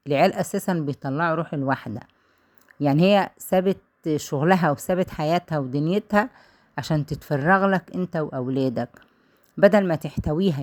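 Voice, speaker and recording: A woman's voice: sits low, a little mellow. A woman with an Egyptian accent, chattily retelling someone else's story in a casual way and then giving her own advice. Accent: Egyptian Arabic.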